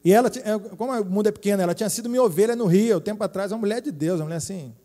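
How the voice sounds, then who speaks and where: A man's voice: high-pitched, racing, warm tone. A middle-aged Brazilian man preaching a sermon as a pastor, chatty and joking, checking in with the crowd. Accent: Brazilian Portuguese. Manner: joking, chatty preaching with many tag questions. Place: church hall. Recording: hall reverb.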